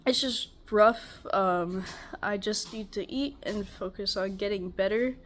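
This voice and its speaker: A young vlogger with a stuffy, congested voice rambles wearily through a casual check-in at home beside a loud air conditioner. She's tired and self-deprecating, speaking at mid-range pitch a little slowly. There's slight background noise.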